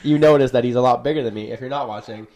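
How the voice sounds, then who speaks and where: A young man hosts a casual church podcast chat in an upbeat, slangy way. His voice sits at an ordinary pitch for a man. He talks easily and loosely with his co-host. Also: rapid-fire, darkish tone. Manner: slangy and upbeat, says bro and wicked.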